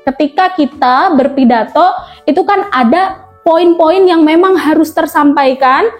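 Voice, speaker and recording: High-voiced woman presenting a speaking tutorial. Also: measured pace, faint music behind. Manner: chatty, addresses viewers as friends, frequent fillers. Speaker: presenter teaching speech delivery. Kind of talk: explanatory tutorial talk.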